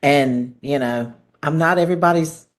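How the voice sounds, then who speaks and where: Low-voiced woman host, sassy. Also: normal speed. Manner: warm, affirming, sassy asides. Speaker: podcast host. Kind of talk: casual chat.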